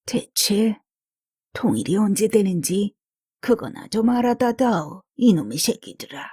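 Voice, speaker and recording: A woman's voice: medium pitch, big pitch swings, unhurried, mellow, breathy edge, dry recording, studio quality. A woman narrator voicing a weary, foul-mouthed old granny who grumbles and scolds in rustic speech in an audiobook drama. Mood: bitter grumbling.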